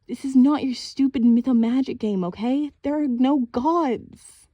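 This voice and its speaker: A woman reading an audiobook, voicing an anxious, defiant girl of about twelve who talks high and insistently. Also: animated, unhurried, mellow, breathy edge, no room sound. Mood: upset.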